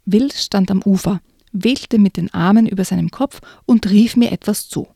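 A woman reading a children's book excerpt aloud in a hushed, often whispered way, then chatting about it. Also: medium pitch, normal speed, creaky, dry recording, studio quality. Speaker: reader and co-host.

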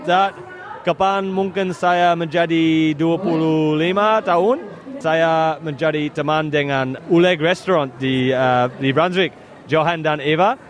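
An Australian man, a native English speaker, giving interview answers in halting, simple Indonesian as a foreigner, with English words mixed in. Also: on the high side. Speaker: member of state parliament, interviewee.

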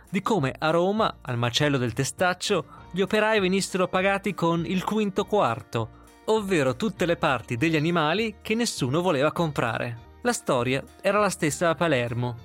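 An Italian male host with a fairly high voice and no Sicilian accent. He moves between narrating and interviewing as a podcast presenter. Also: lively intonation, moderate pace, a bit bright, soft background music. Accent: Italian, not Sicilian. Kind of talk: scripted narration and conversational interviewing.

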